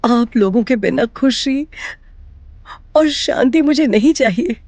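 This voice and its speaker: A woman's voice: fairly high pitch, lively intonation, takes it slowly, a little mellow, dry recording. An actress playing a lonely, emotional older grandmother who pleads with her family to stay. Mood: pleading. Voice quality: tearful, pleading.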